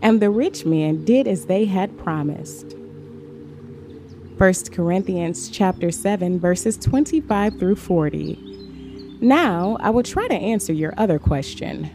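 A woman giving a measured, steady scripted Bible reading. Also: medium pitch. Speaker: scripture reader. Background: faint background music.

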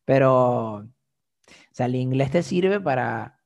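Hombre joven venezolano, voz rasposa. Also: male voice, medium pitch, slow, lo-fi sound. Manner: animated, slangy, frequent filler "o sea". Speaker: interview guest, migrant living abroad. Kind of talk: casual conversational storytelling.

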